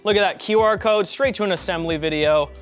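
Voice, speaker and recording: A young man with a slightly higher-pitched voice talks casually through a product unboxing. He is upbeat and jokey, thinking aloud as he handles each part. Faint music plays underneath. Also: fairly quick. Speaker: tech unboxing host.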